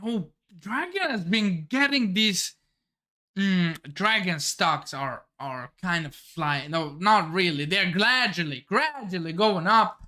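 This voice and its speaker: A man hosting a manga reaction, reading along excitedly and thinking aloud with frequent exclamations and restarts. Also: high-pitched, slow pace.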